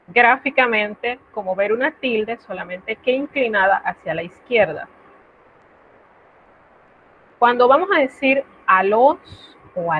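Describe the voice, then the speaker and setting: Slow, patient woman teaching French. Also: mid-range voice, a little hiss or hum. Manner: slow, patient explaining with careful French examples. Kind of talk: recorded online class lesson. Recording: tinny lo-fi phone-like audio.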